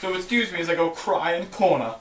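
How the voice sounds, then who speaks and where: A man's voice: fairly high pitch, expressive, quick pace, background noise, natural voice. A man playing a melodramatic, gloomy gang member in a homemade comedy skit, speechifying overdramatically. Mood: mock-mournful. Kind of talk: amateur comedy skit acting. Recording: echoey room, mic far off.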